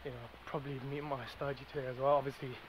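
A man's voice: mid-range voice, little pitch movement, racing. A young man, talking casually to a handheld camera at arm's length while walking outside, chatty and loose, full of fillers. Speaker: vlogger. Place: outdoors on hillside paths and streets. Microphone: handheld camera mic at arm's length. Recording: noisy outdoor camera audio.

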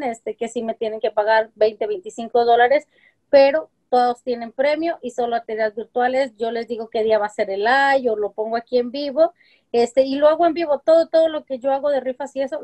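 Her voice sits on the high side and sounds warm, and she speaks fairly quickly. This forties-aged home-business seller is being interviewed casually over a video call, using her webcam in a room with shelves of colorful containers, and she explains through plenty of examples, peppered with fillers like "este" and "eh."

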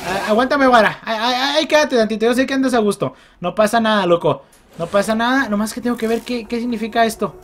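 A man with a Mexican accent commentating a video game he is playing. He is excitable, talks to the characters, and yells and groans when he fails. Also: high voice, fast. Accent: Mexican Spanish. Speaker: gameplay commentator. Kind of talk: let's play commentary.

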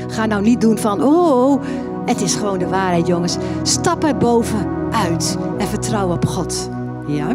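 Woman pastor, sermon delivery, animated with high exclamations, music underneath. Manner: animated preaching, quoting scripture with sudden high exclamations. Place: church hall.

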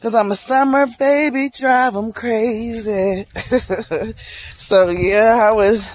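A woman's voice: on the high side, steady tone, slow pace. Chatty woman vlogging on a woods trail. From Charlotte, North Carolina. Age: 30s. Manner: chatty, reflective, motivational, talks to viewers as "y'all". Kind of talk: casual vlog monologue. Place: wooded hiking trail outdoors. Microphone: phone held at arm's length while walking.

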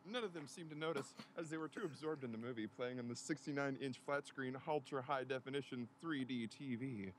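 A man reading a comic fan story aloud in a steady voice, sometimes breaking down laughing. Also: medium pitch, a little fast, hardly any pauses, slight background noise. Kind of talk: comedic dramatic reading.

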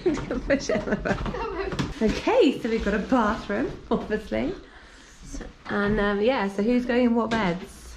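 A woman's voice: fairly high pitch, expressive, unhurried, background noise. A middle-aged woman, chatting casually through a family travel vlog and laughing often. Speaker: vlogger. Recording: music underneath.

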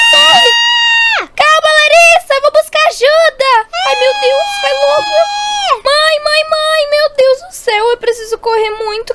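Brief: a Brazilian woman as an anxious teen big sister with a very high voice, all dramatic sighs and cries, for a game roleplay story. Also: very noisy. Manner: dramatic, fretful exclamations. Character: worried teenage girl, anxious big sister.

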